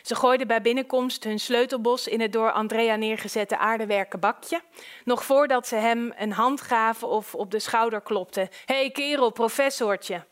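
A woman narrating an audiobook with a fairly high voice. Her reading is calm and measured. She keeps an even storytelling pace.

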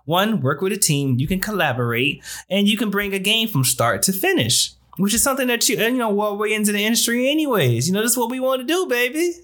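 A man's voice: sits high, fairly bright tone. A man hosting an online show, giving casual, slangy advice straight to his viewers. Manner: informal slangy talk, often addressing listener with "you know".

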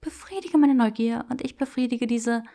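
A woman's voice: on the high side, moderate pace, vocal fry, dark tone, pitched above the performer's own voice. A woman voicing a playful, bold young witch who teases and often whispers. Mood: teasing.

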